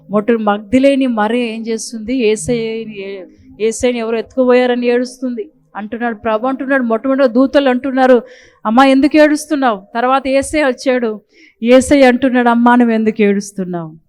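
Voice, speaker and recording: A high-pitched woman preaches with a Telugu accent. She is fervent and keeps questioning her listeners. A faint bed of music plays behind her. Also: steady tone, fairly quick, darkish tone. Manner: fervent, asks the congregation questions and calls hallelujah. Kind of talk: sermon.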